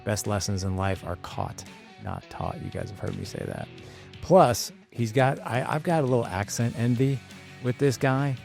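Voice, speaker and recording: A man with a Midwestern American accent hosting a podcast interview, talking in a casual, energetic way with plenty of fillers. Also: mid-range voice, normal speed, gravelly, faint music behind. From St. Louis, USA. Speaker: podcast host.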